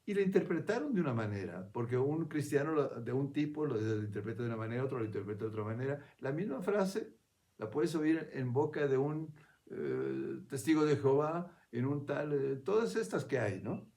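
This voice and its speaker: A man giving a reflective spiritual talk in a conversational, unhurried way. He keeps checking in with his listener and restarts his phrases as he thinks aloud. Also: mid-range voice, animated, darkish tone. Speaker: spiritual speaker.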